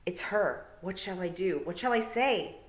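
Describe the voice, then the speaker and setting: A woman's voice: lowish voice, animated, normal speed, reverberant, close to an everyday voice. A woman voicing a brave, stubborn young girl heroine, earnest and determined. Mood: anxious.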